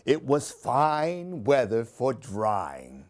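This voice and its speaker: His mid-range voice swoops wildly in pitch as he reads extremely slowly. This man hosts a children's book show, giving theatrical, expressive readings of Halloween picture books and pausing for questions and asides aimed at young listeners.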